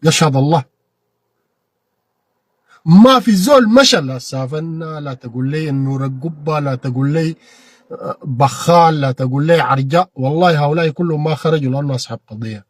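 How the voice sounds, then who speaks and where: A man with a Sudanese Arabic accent giving an impassioned political monologue, repeating phrases and bursting into shouted peaks. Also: fairly high pitch, fairly quick, dry recording, clean studio sound. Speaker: political commentator.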